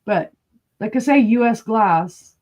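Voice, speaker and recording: A woman's voice: on the high side, expressive, unhurried, a little mellow. A woman hosting a live-stream vintage glass auction, chatting casually and describing each piece with asides. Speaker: online glass auction host.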